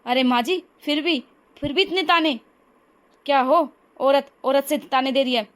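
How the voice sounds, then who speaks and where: A woman's voice: high-pitched, a little slow, fairly bright tone. A woman voicing an outspoken young daughter-in-law in a cartoon story. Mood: indignant.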